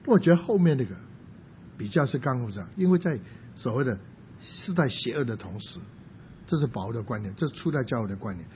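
A man preaching a sermon, his voice sitting at an ordinary middle pitch. He works through his points with rhetorical questions and now and then slips in an English word. The recording sounds muffled and lo-fi, with a faint low rumble underneath. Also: animated, fast talker. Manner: explains by asking rhetorical questions; drops in English words.

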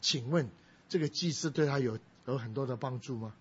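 A middle-aged pastor delivers a sermon, telling a family story and raising his voice whenever he quotes people. His mid-range voice is brisk, a bit bright and slightly rough. The recording is dull and lo-fi.

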